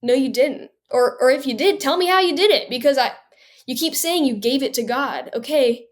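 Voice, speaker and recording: Young adult woman, interview guest: bright, bubbly, filler-heavy casual chat, voice sits a little high. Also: moderate pace.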